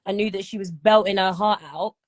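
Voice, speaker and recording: Speaking fairly quickly with a mid-range voice and fairly even intonation, a woman in her thirties talks casually as a guest in an interview. She's a singer who keeps asking "do you know what I mean?"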